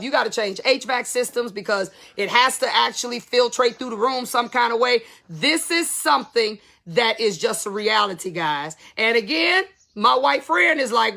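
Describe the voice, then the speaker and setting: Bright, gravelly-voiced woman in her fifties. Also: fairly high pitch. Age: 50s. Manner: candid, emphatic, conversational slang. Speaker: salon business educator. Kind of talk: casual talk to viewers.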